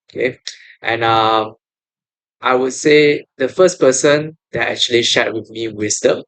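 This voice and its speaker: A man's voice: medium pitch, low-quality recording. A man in his twenties with a Malaysian English accent, hosting his own podcast in an earnest, encouraging way with many fillers and restarts. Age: 20s. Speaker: podcast host. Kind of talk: casual podcast monologue.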